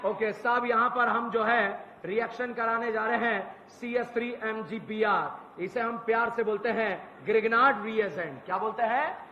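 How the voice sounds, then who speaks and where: A man teaching chemistry in an exam-prep lecture, firing questions at students and repeating each answer back to them, with bursts of shouted emphasis. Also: high voice, normal speed. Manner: quizzing students, repeating answers with call-and-response. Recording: echoey hall, muffled lo-fi sound.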